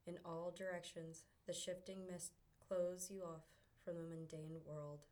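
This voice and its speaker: A woman narrating a guided visualization in a calm, measured and deliberate way. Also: lowish voice. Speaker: guided meditation leader.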